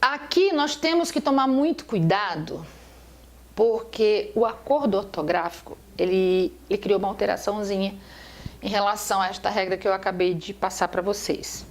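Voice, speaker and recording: A woman's voice: medium pitch, moderate pace, slight background noise. A woman teacher giving a recorded grammar lesson over slides, explaining step by step and asking and answering her own questions. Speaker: Portuguese teacher.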